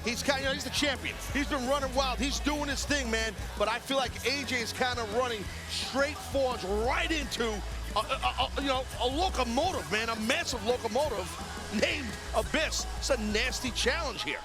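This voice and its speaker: Male wrestling analyst, high pitch, casual street-level phrasing, loud music behind. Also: normal speed. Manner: colloquial, punctuates remarks with "man" and "you know". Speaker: wrestling color commentator. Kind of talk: casual live sports commentary.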